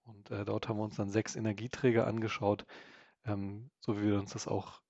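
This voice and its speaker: A man's voice: on the low side, level tone, brisk, creaky, warm tone, no room sound, highs cut off. A man, a guest researcher, explaining his projects in a podcast interview, with many hesitations and fillers.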